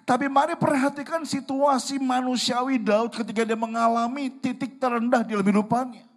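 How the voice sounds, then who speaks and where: A man's voice: extremely high pitch, fairly even intonation, a little fast, faint music behind. A male pastor preaching a sermon in a church service, telling a story and asking his congregation questions.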